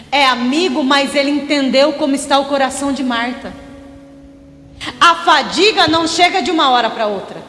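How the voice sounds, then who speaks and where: A woman from Brazil preaches a sermon as a missionary in a very high, bright voice. She is animated, acts out the quoted lines and calls on the congregation to respond. The sound rings with the long reverb of an echoey church hall. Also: a little hiss or hum.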